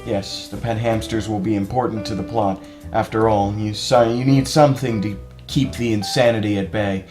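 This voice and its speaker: A man's voice: fairly low pitch, steady tone, moderate pace, music in the background. A teenage young man from California reading a children's book aloud, with dry, self-mocking asides. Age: late teens.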